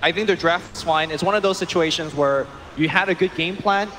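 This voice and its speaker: Measured male esports analyst. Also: on the high side, sharp tone, slight background noise. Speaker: color commentator.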